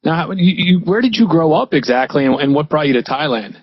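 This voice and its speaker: A man hosting a radio show, firing off quick stacked questions to his guest. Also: fairly high pitch, lively intonation, dry recording. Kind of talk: interview questions. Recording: dry dull radio sound.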